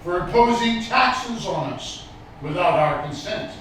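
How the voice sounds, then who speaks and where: A man giving a formal public recitation of a historical declaration in a lofty, stately manner with deliberate pauses. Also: high-pitched, animated, a bit bright. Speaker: public reader at a commemorative event. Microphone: distant microphone. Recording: distant, very echoey, some background noise.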